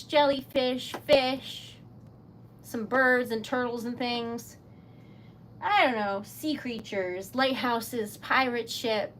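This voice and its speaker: A woman from New England with a Rhode Island accent speaks in a high voice, with a little hiss or hum on the audio. Hosting a casual craft livestream, she chats with her viewers while crafting, laughs often, and rambles as she goes.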